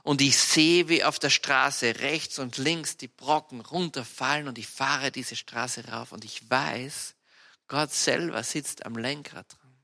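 A man with an Austrian accent preaching a sermon, telling personal stories in a lively, animated way with sudden loud outbursts. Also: mid-range voice, takes it slowly, vocal fry. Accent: Austrian German.

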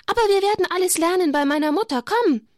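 A woman's voice: sits high, normal speed, dry recording, clean studio sound, pitched above the performer's own voice. Jacinta, a woman reading as an eager little girl. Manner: excited, pleading storybook reading.

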